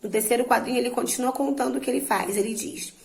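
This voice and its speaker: Patient woman teacher, creaky voice. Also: fairly high pitch, echoey room, low-quality recording. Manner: slow, patient, stresses syllables by drawing words out. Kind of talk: remote lesson walking students through exercises.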